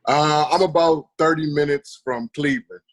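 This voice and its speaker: A man's voice: on the high side, normal speed, dry recording. A man from Baltimore chatting easily as a guest on a video call. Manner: easygoing, relaxed.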